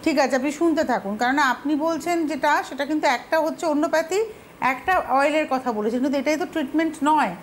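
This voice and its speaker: High-voiced woman hosting. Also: a little fast, slight background noise. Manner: firm, guiding, politely questions callers. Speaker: TV show host. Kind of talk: hosting a health phone-in show.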